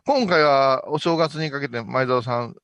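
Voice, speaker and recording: A man's voice: medium pitch, unhurried, dry recording. A middle-aged man, a Buddhist monk hosting a casual chat show, with a playful, joking manner. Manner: playful, jokey, animated.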